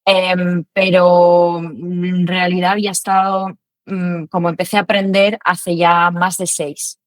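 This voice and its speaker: A woman speaking Spanish as a second language, chatting in an interview. She talks thoughtfully, pausing on fillers and rephrasing as she goes. The recording is close and dry, with no room sound. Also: fairly low pitch, flat delivery, no echo. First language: not Spanish. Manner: thoughtful, lots of fillers and self-corrections. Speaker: podcast guest. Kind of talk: casual interview chat.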